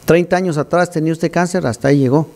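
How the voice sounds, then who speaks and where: A man preaching an animated, teaching sermon to his congregation. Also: on the high side, fast talker. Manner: animated, teaching, scolds listeners for distracting him. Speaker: pastor.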